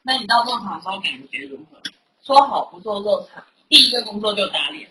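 A man's voice: high voice, expressive, quick pace, sharp tone, slight background noise, rough recording. A man with a Taiwanese accent hosting a casual chat, jumping in with reactive, teasing remarks. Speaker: podcast host. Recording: rough amateur podcast audio.

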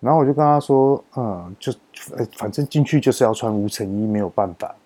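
His voice medium-pitched with a breathy edge, a man hosting a podcast talks fairly quickly through a work anecdote. He has a Taiwanese Mandarin accent, an animated, casual delivery, and a habit of lengthening sentence-final particles for emphasis.

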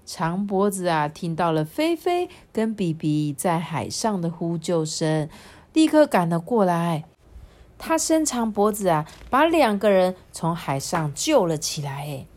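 A woman reading a children's picture book aloud, stretching out little sentence particles and sighing between lines. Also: lowish voice. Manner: expressive, drawn-out particles like 啊 and 哦, sighing fillers. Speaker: storybook reader.

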